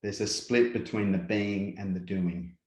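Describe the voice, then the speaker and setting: An Australian man with a lowish voice talks through ideas in an unhurried, reflective way, often dropping in "yeah" and "yep". His voice carries a noticeable room echo. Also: fairly even intonation. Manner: unhurried, filler-heavy, repeats "yeah" and "yep". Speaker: guest speaker, workshop presenter. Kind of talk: reflective conversational interview.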